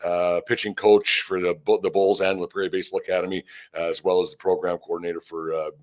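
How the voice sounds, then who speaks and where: A low, flat-sounding older man speaks at a quick pace, hosting a baseball team podcast full of easygoing sports talk and interviews. He's folksy and long-winded, and the recording is dull and band-limited.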